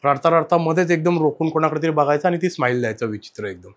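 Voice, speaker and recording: A man telling a personal ghost story as a podcast guest, animated in a casual chat, his voice rising and falling as he goes. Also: on the high side, fast talker. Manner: animated, swings loud and soft while telling the story.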